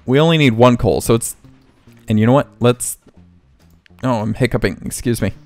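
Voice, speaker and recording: At a quick pace, a man with a mid-range, slightly mellow voice provides loose gameplay commentary. He thinks aloud while playing his let's play and keeps revising what he says, the game's music faintly audible underneath.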